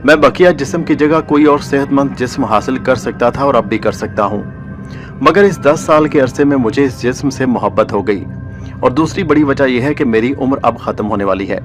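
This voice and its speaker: Guy reading a first-person story, calm formal delivery, average pitch, soft music underneath. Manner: measured, formal storytelling with literary diction. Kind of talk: scripted first-person narration.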